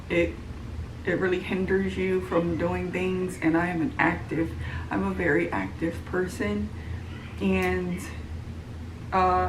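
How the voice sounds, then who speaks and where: A woman's voice: medium pitch, far from the mic. Tired pregnant woman rambling in echoey room. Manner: rambling, many fillers and restarts. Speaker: vlogger. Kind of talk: casual pregnancy update vlog. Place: at home, room with echo. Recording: roomy, from the mic, noisy home.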